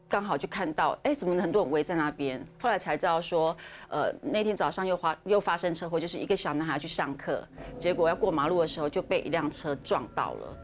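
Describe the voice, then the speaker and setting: A woman's voice: fairly low pitch, a little hiss or hum. A woman, hosting a podcast and dramatically telling a ghost story, with frequent fillers and restarts. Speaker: podcast host. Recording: podcast with music underneath.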